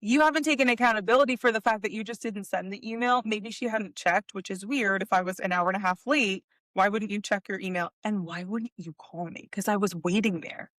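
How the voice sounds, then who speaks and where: A young woman podcast co-host, chatting casually and telling a long story in an animated way, with many "like"s. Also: medium pitch, a little fast, few pauses, dry recording, clean studio sound. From United States. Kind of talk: casual chat.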